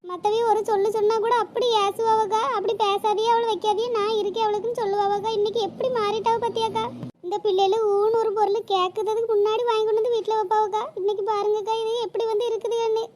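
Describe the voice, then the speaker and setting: A woman voicing a grieving young mother in a cartoon, pleading and lamenting with a very high, squeaky voice. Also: level tone, fast talker, very noisy. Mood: tearful lament. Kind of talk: cartoon voice acting.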